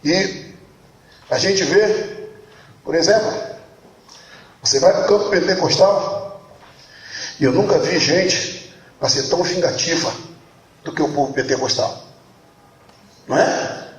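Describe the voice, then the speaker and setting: A man's voice: fairly high pitch, takes it slowly, pauses often. A man with a Brazilian accent, preaching a sermon as pastor and telling a joke with voices. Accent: Brazilian Portuguese. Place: church hall. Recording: very echoey church hall.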